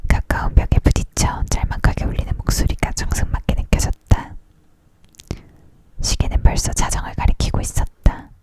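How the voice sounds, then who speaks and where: Hushed whispering ASMR book reader, leaning in. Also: normal speed. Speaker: storyteller reading a book aloud. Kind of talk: whispered ASMR reading of a novel.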